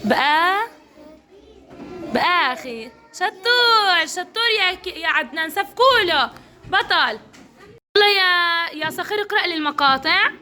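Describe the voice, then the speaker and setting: A woman speaks with a Levantine Arabic accent in a very high, bright voice. She runs a kindergarten classroom, coaxing and praising each child in turn by name. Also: animated, a little slow. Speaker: kindergarten teacher. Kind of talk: classroom instruction.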